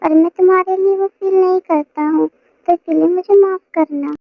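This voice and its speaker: A woman voicing a young male vampire who speaks calmly and tenderly, lowering her voice. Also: moderate pace, creaky, no room sound, phone-quality sound. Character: young man, vampire lover, calm and tender.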